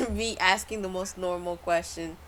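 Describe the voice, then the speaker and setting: A woman's voice: fairly low pitch, unhurried, a crowd in the background, low-quality recording. A woman streamer chatting with friends while playing a game, laughing often and swearing casually. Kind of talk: casual group chat while voicing a game.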